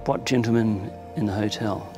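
A male interviewer asking calm, probing questions. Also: lowish voice, normal speed, music in the background.

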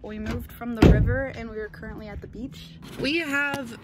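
A young woman vlogging in casual chat, giggly and excitable as she talks. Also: a little high, normal speed. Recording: loud background noise.

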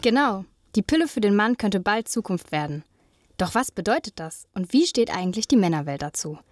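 A young woman co-hosts a student podcast, reading her links smoothly from a script. Her mid-pitched voice is dry and close to the mic. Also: big pitch swings, fairly quick, dry recording. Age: young adult. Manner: smooth, read-from-script linking. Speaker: podcast co-host, journalism student.

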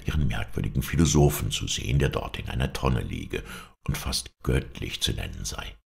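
A man's voice: a bass voice, gravelly, a little mellow. A man reading an old tale aloud as storyteller, giving each character a voice. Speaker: audiobook reader.

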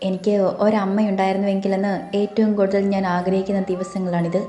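A woman reading the lines of a tender, tearful young wife in a romantic audiobook, in a soft, hushed way. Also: mid-range voice, little pitch movement, fast, close to an everyday voice. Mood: pleading. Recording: roomy with faint music.

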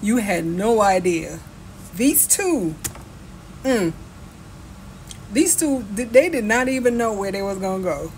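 A woman's voice: medium pitch, lively intonation, takes it slowly, pauses often, a little mellow, slight background noise. A Jamaican woman giving chatty reaction commentary on a video, teasing and slipping into patois. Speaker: reaction vlogger.

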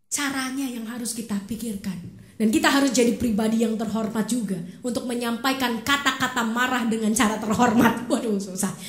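A woman in her thirties, a pastor, preaching a sermon in a chatty, animated storytelling way. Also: high voice. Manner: conversational, animated storytelling with laughs. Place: church hall. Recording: echoey church hall.

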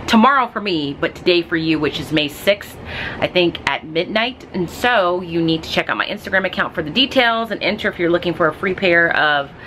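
A woman's voice: mid-range voice, a bit bright, slight background noise, poor audio. A woman teacher chatting casually in a daily vlog, rambling with lots of ums. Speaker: teacher and vlogger.

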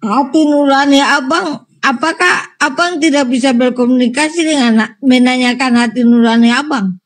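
A woman with a high-pitched voice defends her view in a religious debate. She speaks patiently and keeps explaining through everyday analogies, the way a Sunday school teacher would. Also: normal speed, breathy edge.

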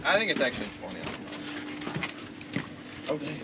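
A young man in excited casual chat on a fishing trip, talking in slangy, sweary frat-bro style. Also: fairly high pitch, moderate pace, far from the mic, very noisy. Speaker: fishing companion. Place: outdoors on a fishing boat. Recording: loud music over the voice.

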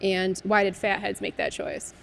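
A woman's voice: mid-range voice, fairly even intonation, moderate pace, vocal fry, slight background noise. A woman in her thirties interviewing a brewery guest in a barrel room, asking chatty questions with fillers. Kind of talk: business interview.

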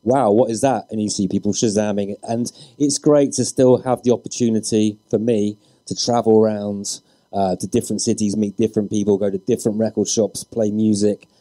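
A man's voice: on the low side, steady tone, fairly quick, warm tone, dry recording. A man speaking as a DJ on a live panel, earnest and opinionated. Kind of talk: panel discussion.

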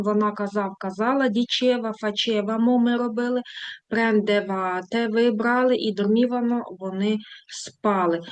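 A woman's voice: medium pitch, no echo. Woman teaching verb forms, dry close sound. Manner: reads examples and conjugations aloud, switching between Ukrainian and Italian; thinking aloud with fillers while scrolling through material. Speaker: Italian teacher. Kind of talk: online language lesson.

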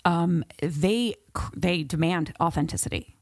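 Middle-aged woman host, low-pitched and dry-sounding, candid and animated, casual interview banter. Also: unhurried, no room sound. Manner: animated, candid, venting asides. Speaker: talk show host.

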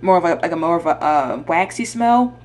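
A young woman vlogger with a fairly low, slightly mellow voice talks animatedly and a little fast in a casual, chatty food vlog. She thinks aloud in informal, slangy speech, filmed on a handheld camera held at arm's length in her home kitchen, with background noise audible.

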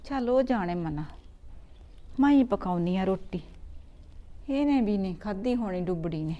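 Lady playing a worn out grumbly mother-in-law, low muttering, kinda muffled lo-fi sound. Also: animated, moderate pace, warm tone, natural voice. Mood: grumbling. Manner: muttering, weary complaining. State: feverish. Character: older mother-in-law, weary, grumbling, soft-hearted.

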